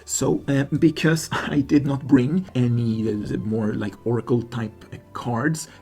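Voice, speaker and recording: A man's voice: mid-range voice, steady tone, a little slow, darkish tone, soft background music. A man hosting and narrating a solo tabletop game, thinking aloud hesitantly with many fillers. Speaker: solo game player and host.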